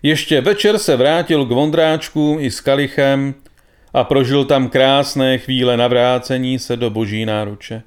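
A man narrating a story in a calm, measured reading voice. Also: medium pitch, clean tone.

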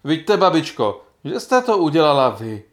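A man voicing an eager young boy in a storybook reading, exclaiming excitedly. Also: on the high side.

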